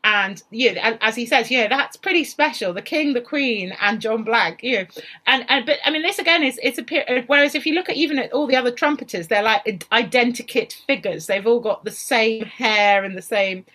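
A woman with a fairly high, bright, pushed voice speaks a little fast as a historian on a panel. She thinks aloud in this conversational expert discussion, often circling back over her own phrases.

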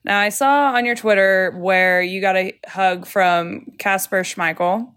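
A woman's voice: mid-range voice, fairly even intonation, measured pace, fairly bright tone, clear, resonant tone. A woman hosting an interview, asking casual, friendly questions with a teasing edge. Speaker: podcast interviewer.

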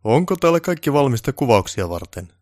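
A man's voice: mid-range voice, big pitch swings, a little mellow, no echo, clean studio sound, voice pushed up, close to an everyday voice. A man voicing a pompous, snobbish male film director who barks orders in a haughty, raised voice.

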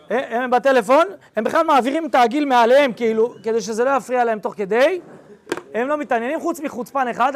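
A young rabbi with a slangy, lively storytelling manner, recounting an episode to a class of students. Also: male voice, very high voice.

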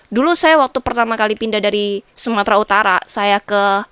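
A woman who grew up speaking Hokkien, telling personal stories in a casual, animated interview style, often repeating her phrases. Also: medium pitch, a little fast, clear, resonant tone, no echo. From Indonesia. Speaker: interview guest.

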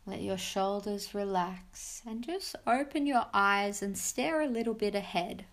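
A woman's voice: medium pitch, fairly bright tone. A woman hosting a mindfulness podcast, giving soothing guided meditation instructions in simple, encouraging phrases. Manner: soothing, unhurried instructions with pauses.

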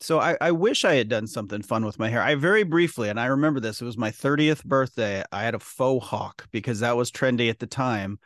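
A man's voice: mid-range voice, brisk, few pauses, a bit bright, dry recording, studio quality. A middle-aged man co-hosting a podcast, chatting casually and joking at his own expense. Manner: joking, self-deprecating, conversational. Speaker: podcast co-host. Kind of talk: casual chat.

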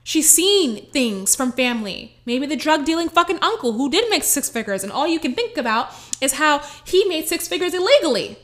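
High bright-voiced woman coach. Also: normal speed, few pauses. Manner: blunt, profane, animated. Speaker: life and career coach. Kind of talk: casual motivational talk.

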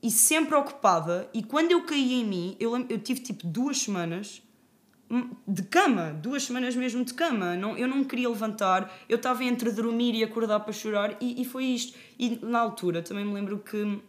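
A woman's voice: fairly high pitch, normal speed. Young woman talking openly and reflectively. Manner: open, reflective, uses many fillers. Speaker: guest. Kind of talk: casual podcast conversation.

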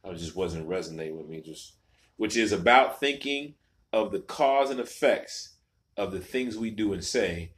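A man's voice: on the low side, expressive, normal speed. A man co-hosting a casual chat from a home garage, telling stories with emphatic asides. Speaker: podcast co-host.

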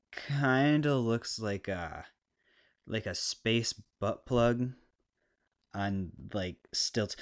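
A man with a harsh stoner skater voice, rambling casually and unscripted through a solo podcast with crude, self-deprecating humor, clearly recorded on a podcast mic. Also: on the low side. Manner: laid-back, rambling and unscripted. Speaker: podcast host. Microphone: podcast microphone, clean close sound.

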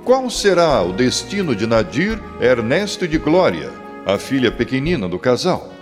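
A Brazilian man works as an old radio serial announcer. His scripted delivery is dramatic and suspenseful. Music plays clearly behind his voice. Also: medium pitch, sing-song, moderate pace. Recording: loud music under the voice.

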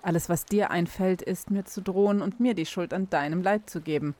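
A woman voicing an earnest young man in an audiobook, stammering and pleading, quick to anger. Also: sits low, animated, a little mellow. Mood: angry.

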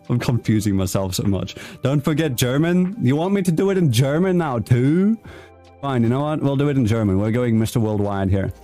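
A young man hosting a casual chat show, talking in a playful, halting way that often stops to correct himself. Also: medium pitch, animated, mellow, faint music behind. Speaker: podcast host. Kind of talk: casual chat, stumbling through a read-out outro.

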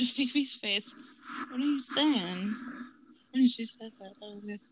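A woman's voice: fairly high pitch, slow pace, a bit bright, slightly rough. A woman in her thirties co-hosting a casual rewatch podcast, chatty and laughing, acting out quotes. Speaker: podcast co-host.

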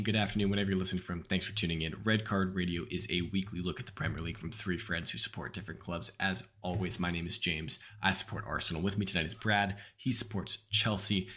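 A man's voice: low voice, bright, forceful tone. An American man hosting a casual podcast chat, upbeat and leaning on fillers like "like" and "um". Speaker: podcast host.

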